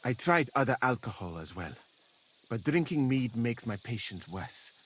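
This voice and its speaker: A man voices a calm, learned foreign physician in a game. His medium-pitched delivery is formal, measured, and dryly ironic.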